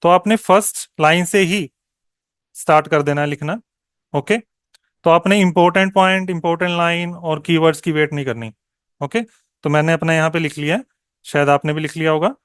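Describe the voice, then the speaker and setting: Higher-voiced tutor, smooth and clear. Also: male voice, no room sound, studio quality. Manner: mixes Hindi and English, checks in with frequent "okay?"; slow, deliberate when modelling answers. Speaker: exam coaching tutor. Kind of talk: online exam-prep lesson.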